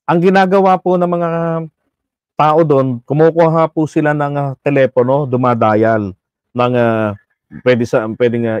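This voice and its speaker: A man's voice: mid-range voice, clean tone, no room sound. A man with a Filipino accent, chatting and joking as an online commentator, switching between Tagalog and English. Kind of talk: casual commentary monologue.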